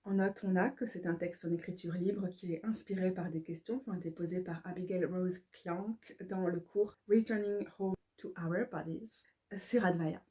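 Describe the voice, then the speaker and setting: Mellow-voiced woman reading poetry. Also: lowish voice. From Belgium. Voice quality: calm, measured, incantatory delivery. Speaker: author reading her own book.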